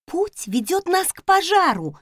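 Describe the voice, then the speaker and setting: A woman voicing a timid, excitable young maid with a breathless, eager manner. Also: extremely high pitch, a little slow, dry recording, voice pushed up, full character voice. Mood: excited.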